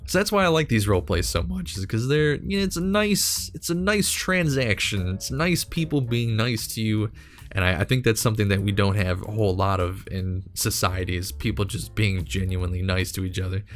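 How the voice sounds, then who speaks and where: A man with a fairly low-pitched voice hosts a YouTube cartoon channel, talking at a fairly quick pace. His chat is casual and rambling, jokingly incredulous, and he interrupts himself frequently.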